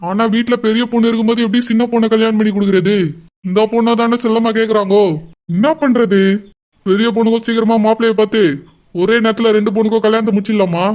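A man's voice: sits high, little pitch movement, fast, darkish tone, close to an everyday voice. A man voicing a worried middle-aged father in a cartoon, muttering and fretting over his daughters' weddings. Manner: fretful muttering to himself. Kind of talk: cartoon voice acting.

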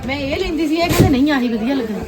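A woman's voice: high-pitched, animated, racing, crowd noise. A woman with a Punjabi accent in casual shop chat, speaking as a direct, choosy customer. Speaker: shopper. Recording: distant mic, loud background noise.

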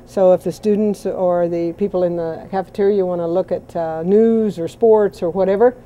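Woman, low-pitched, warm mellow tone, enthusiastic, chatty, interview in large hall, faint background ambience. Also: steady tone, moderate pace, slight background noise. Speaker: college foundation representative. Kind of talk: on-camera interview. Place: large indoor student union hall.

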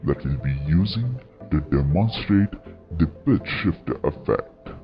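A man's voice run through a deep pitch-shifter effect, reading a test line slowly and flatly. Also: lo-fi sound, faint music behind, exaggerated voice.

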